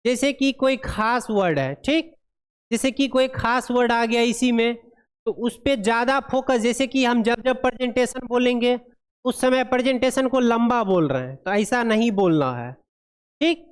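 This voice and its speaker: A woman lecturing a class, reading English points slowly and explaining them with frequent checks on the students. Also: a little high, clean tone. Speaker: pharmacy lecturer. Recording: long hall reverb.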